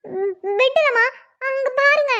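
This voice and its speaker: A woman's voice: very high voice, slow pace, bright, forceful tone, lo-fi sound, exaggerated voice. A woman voicing a fretful young woman who talks to herself in a cartoon.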